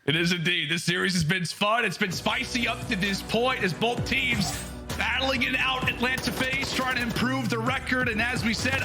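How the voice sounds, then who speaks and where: Man, esports commentator, animated conversational delivery, high pitch, clear background music. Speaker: esports caster. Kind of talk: broadcast match commentary.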